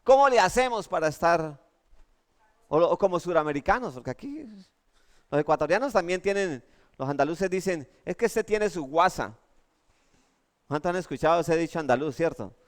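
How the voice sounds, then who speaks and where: A Colombian man preaching a lively sermon with humorous stories, often checking in with the congregation. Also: a little high, a little fast. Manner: animated, keeps asking the congregation "¿cierto?". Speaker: pastor. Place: church.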